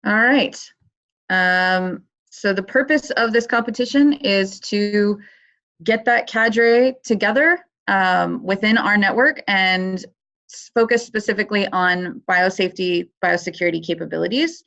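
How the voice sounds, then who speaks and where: Gravelly-voiced woman presenting a webinar. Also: medium pitch, measured pace, fairly bright tone. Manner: conversational, many fillers, talks through her slides. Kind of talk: explaining a competition on a webinar. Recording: dull lo-fi webinar audio.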